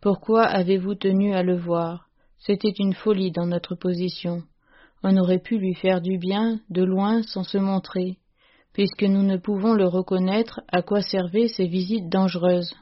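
A woman's voice: medium pitch, steady tone, a little slow, close to an everyday voice. A woman reading the part of a proud, frightened father who lashes out in anger. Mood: reproachful. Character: proud, frightened respectable man, angry father. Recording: muffled lo-fi recording.

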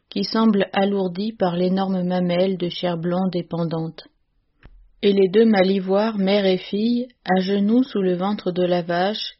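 A woman narrating a classic story in a measured, expressive audiobook reading. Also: on the low side, lo-fi sound.

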